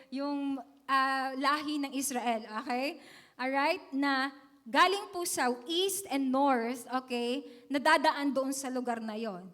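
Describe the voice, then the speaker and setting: A woman's voice: sits high, a bit bright. A woman with a Filipino accent preaching a sermon to a congregation, mixing Tagalog and English and often checking in with "okay?" and "amen?".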